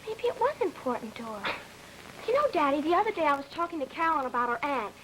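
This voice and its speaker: An actress playing a talkative, romantic-minded young daughter in a 1950s family drama, earnest and inquisitive. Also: female voice, sits high, sing-song, fast, a bit bright, slight background noise, poor audio.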